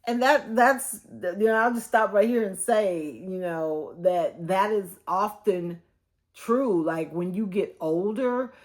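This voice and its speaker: A woman's voice: mid-range voice, slow. A woman in her fifties with a Texas accent, chatting casually as she reviews a book and addresses her viewers, rambling a little with plenty of ums. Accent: Texan. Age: 50s. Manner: chatty and rambling, calls viewers "y'all", many fillers.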